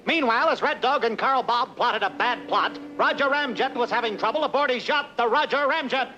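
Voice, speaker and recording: Mock-heroic announcer: high-pitched, pompous cartoon narration over music. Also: male voice, a little fast, pushed and bright, dull audio. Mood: mock-dramatic. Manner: pompous, theatrical.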